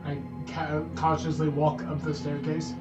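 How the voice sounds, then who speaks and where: Guy player in a tabletop game, bit high voice, echoey dull far-off mic audio. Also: monotone, unhurried, loud music behind the voice. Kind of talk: casual tabletop chat.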